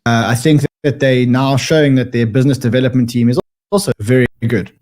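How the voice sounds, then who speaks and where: A man's voice: mid-range voice, a little fast, darkish tone. A man speaking as a guest over a video call, his audio clipping and distorted, emphatic and often repeating words as he restarts. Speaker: guest commentator. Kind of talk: remote interview discussion.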